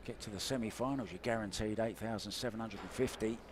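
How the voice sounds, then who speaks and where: A man's voice: on the low side, fast, background noise. Male pool commentator, chatty play-by-play. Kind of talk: live sports commentary.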